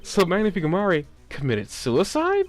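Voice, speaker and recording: A man voicing a probing, excitable defence lawyer in a video game, with an expressive questioning manner. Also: sits high, normal speed, faint music behind, pitched above the performer's own voice. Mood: surprised.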